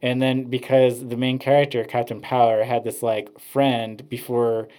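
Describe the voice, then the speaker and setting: A man's voice: medium pitch, level tone, a little slow, mellow. A man, a podcast host, rambling through casual chat, with many "like" fillers. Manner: rambling, heavy use of "like" fillers.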